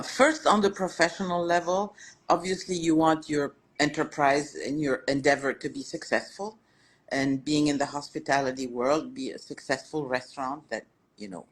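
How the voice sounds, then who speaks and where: In a rough recording, the same older Lebanese restaurateur, a native French speaker, sounds low and husky as she answers the interviewer. She stays warm and reflective, often pausing on fillers and restarting her sentences.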